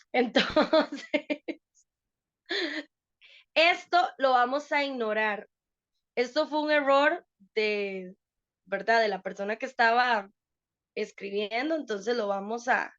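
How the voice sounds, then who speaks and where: High-voiced woman English teacher, slow and patient, on a dull, dry video call. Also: fairly bright tone, no room sound. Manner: patient, explains slowly with repeated checks. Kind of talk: online English class for adults.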